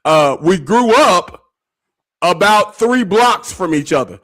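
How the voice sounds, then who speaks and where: A man's voice: high voice, lively intonation, slow pace, a bit bright. A man, hosting a casual podcast, laid-back and laughing often. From Arkansas, USA. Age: 40s. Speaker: podcast host. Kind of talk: casual chat.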